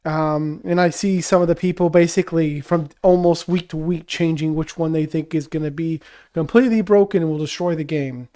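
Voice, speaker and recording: A man co-hosting a podcast, talking casually about a tabletop wargame in a measured, hesitant way with frequent restarts. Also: on the high side, fairly even intonation, dark tone, smooth. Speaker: podcast co-host.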